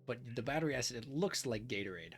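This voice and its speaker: A man's voice: medium pitch, quick pace. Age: adult. Sex: man. Style: easygoing podcast storytelling. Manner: relaxed storytelling, leads the talk. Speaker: podcast co-host. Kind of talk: casual chat. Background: faint lo-fi music.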